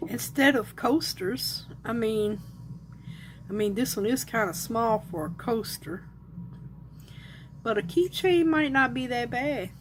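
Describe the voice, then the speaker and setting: A woman talks slowly and easily in a casual crafting vlog. She chats and thinks aloud as she measures and shows her pieces at an indoor craft table. A faint hum of room noise sits behind her voice. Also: on the high side, expressive. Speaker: resin crafter and channel host. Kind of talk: casual show-and-tell vlog.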